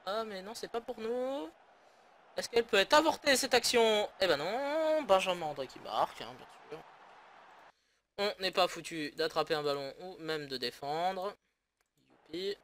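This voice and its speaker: Man, gaming commentary, sarcastic, grumbling, bright tense tone, fairly high pitch. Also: animated, a little slow, slight background noise. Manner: sarcastic, grumbling, swears often. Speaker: gaming YouTuber. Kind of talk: casual let's-play commentary.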